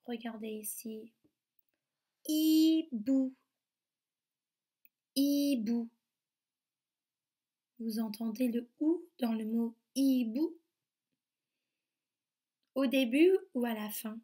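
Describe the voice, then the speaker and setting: French woman teacher, slightly high voice, very slow and clearly articulated, for small children. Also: fairly even intonation, warm tone. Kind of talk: remote lesson for young children.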